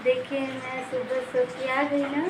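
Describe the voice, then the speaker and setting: A woman with a fairly high voice talks very slowly and chattily to her viewers while she cooks. She is recorded on a phone in a home kitchen that rings with echo. Steady household noise sits behind her. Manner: chatty, addresses viewers as guys. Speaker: home vlogger. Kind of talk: casual cooking vlog. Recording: echoey kitchen with background noise.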